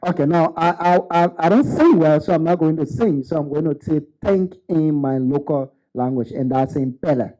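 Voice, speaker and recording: A man's voice: fairly high pitch, moderate pace, few pauses, warm tone, soft background music, rough recording. A man giving an earnest, unscripted graduation testimonial with frequent stammering restarts. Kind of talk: unscripted ceremony speech.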